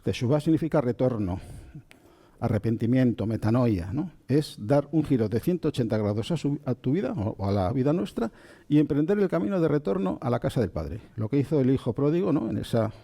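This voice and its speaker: A man teaches in a calm, unhurried voice that is dark and mellow. His pitch rises and falls a lot as he explains and asks his listeners questions. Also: gravelly. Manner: slow and gentle, checks in with listeners. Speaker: spiritual teacher. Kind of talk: calm spoken lecture on Kabbalah.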